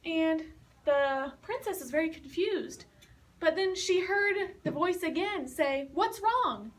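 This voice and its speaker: A woman teaching English, retelling a fairy tale slowly and patiently, repeating and explaining words as she goes. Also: very high voice. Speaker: English teacher telling a story. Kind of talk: slow story retelling with word explanations. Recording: distant mic with faint hiss.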